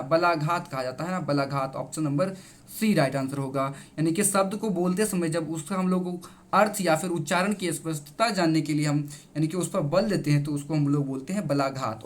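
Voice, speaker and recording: Male teacher, fairly high voice, repeats every answer, talks straight to the students. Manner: repeats each answer, keeps addressing the students; emphatic, reassuring. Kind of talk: exam answer-key explanation.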